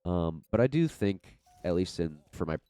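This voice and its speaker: A man's voice: deep voice, sing-song, moderate pace, warm tone, smooth, no echo. A young man with a stuffy, congested voice, rambling through an unedited podcast-style chat about his gaming channel. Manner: rambling, many fillers and restarts. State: congested from a cold.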